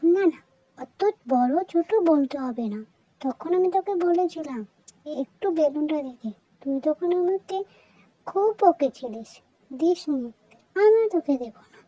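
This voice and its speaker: A woman voicing a stubborn older girl doll who bosses her little sister, in a childlike, squeaky voice. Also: lively intonation, unhurried, warm tone, muffled recording.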